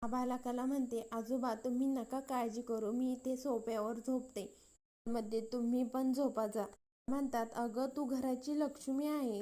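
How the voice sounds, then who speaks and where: A woman's voice: fairly high pitch, warm tone. A woman with a Marathi accent retelling a serial episode, quoting each character's lines in turn. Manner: retells scenes with quoted dialogue, "so-and-so says". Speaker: storyteller recapping a TV serial.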